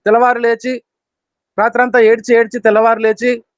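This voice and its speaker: A man's voice: very high-pitched, completely flat delivery, brisk, dry recording. Stern fatherly God, as a preacher puts him on. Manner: scolding, repetitive commands. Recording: dull, dry lo-fi recording.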